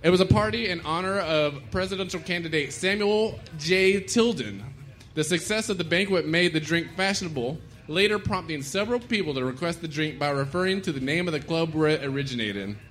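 A man's voice: a little high, brisk, fairly bright tone, soft background music. A man hosting a live comedy trivia show on a bar stage, joking and laughing between lines. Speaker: game show host. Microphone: stage microphone.

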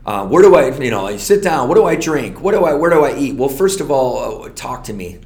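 Man, server, foul-mouthed animated ranter, mid-pitched, casual chat. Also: a little fast, vocal fry. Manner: profane, animated ranting. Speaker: restaurant server. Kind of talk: casual conversation.

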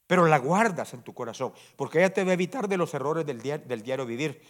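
High-pitched, lively preaching man. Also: quick pace. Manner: animated preaching, constantly asks the congregation "¿verdad?". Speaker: pastor. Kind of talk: sermon. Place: church service before a congregation.

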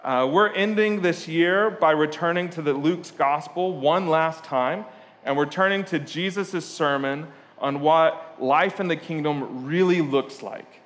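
A man's voice: on the high side, a little slow, a bit bright, long reverb tail. A man from Portugal preaching a sermon, talking in a conversational, storytelling way with frequent "uh" fillers and asides. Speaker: pastor.

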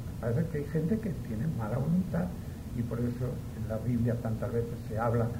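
Priest preaching in a big church, cathedral echo all around, background hum, easygoing chatty homily, middle pitch. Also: male voice, expressive. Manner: unhurried, conversational preaching with asides. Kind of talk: Mass reading and homily. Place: large church. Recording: echoey church with background noise.

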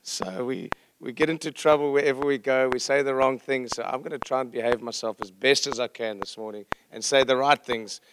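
Speaking a bit fast with few pauses, a middle-aged visiting pastor with a South African accent talks casually to a church congregation. His mid-range voice holds a steady tone as he jokes at his own expense, and the background is noisy.

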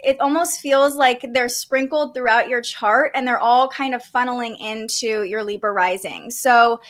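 A woman with a slightly high voice walks a guest through her birth chart. She talks gently and explains as she goes, with soft fillers and light laughs. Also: moderate pace. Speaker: podcast host reading an astrology chart. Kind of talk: conversational astrology reading.

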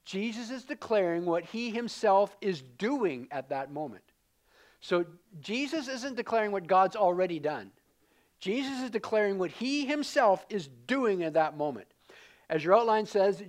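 A man's voice: high-pitched, expressive, measured pace. A man teaching a casual Bible class who repeats his key points and speaks straight to the people in front of him.

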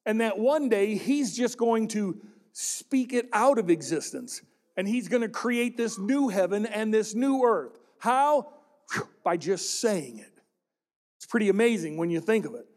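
High-voiced joking male preacher. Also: expressive, unhurried, a little mellow. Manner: jokey, playful asides to the congregation. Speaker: pastor. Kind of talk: sermon.

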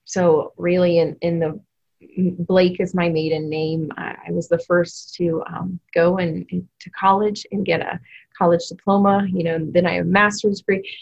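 A woman in her thirties, an assistant principal, telling a personal story in an energetic, emotional way, full of restarts and fillers. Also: on the low side, moderate pace, gravelly, muffled recording. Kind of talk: personal storytelling in a podcast interview.

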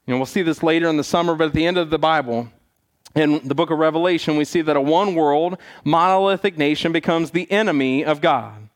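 A male preacher with a notably high voice delivers a church sermon. He is earnest and exhorting, leaning on repetition and rhetorical questions. Key phrases are set apart with emphatic pauses.

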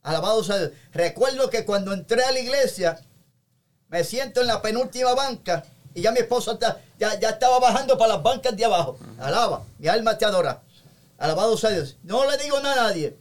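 A man's voice: sits high, animated, brisk. A man, an evangelist guest, giving a fervent testimony in a podcast interview and constantly breaking in with short praise phrases.

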